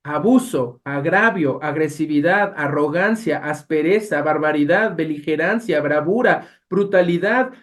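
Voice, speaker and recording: A man with a Mexican accent teaching a Bible study class, talking in an animated way and asking his listeners rhetorical questions. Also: on the high side, unhurried, hardly any pauses. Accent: Mexican Spanish.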